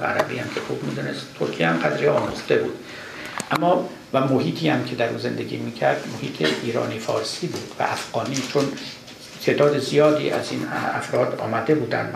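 Male lecturer, measured and explanatory, gravelly tone; echoey hall recording with background noise. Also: mid-range voice. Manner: measured, explanatory, recites verses. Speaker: lecturer on classical Persian poetry. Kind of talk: live lecture to an audience. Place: lecture room with audience.

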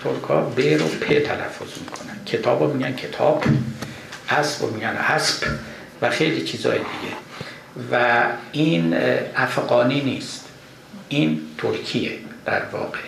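Gravelly-voiced man lecturing in an echoey room. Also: mid-range voice. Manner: measured, explanatory, recites verses. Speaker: lecturer on classical Persian poetry. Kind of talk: live lecture to an audience. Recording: echoey room with background noise.

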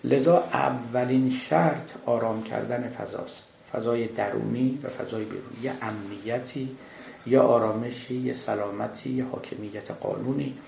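Male lecturer, very gravelly voice, measured and hesitant delivery, echoey room. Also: mid-range voice, fairly even intonation, darkish tone. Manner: measured, explanatory, with frequent hesitations. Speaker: lecturer on the Masnavi. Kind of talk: lecture commentary. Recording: echoey room with faint noise.

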